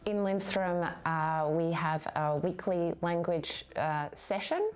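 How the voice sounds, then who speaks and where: Aussie woman, lowish voice, friendly and steady, faint music under it. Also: slow, clear, resonant tone. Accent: Australian. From Australia. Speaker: IT project specialist. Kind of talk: corporate interview. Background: soft music.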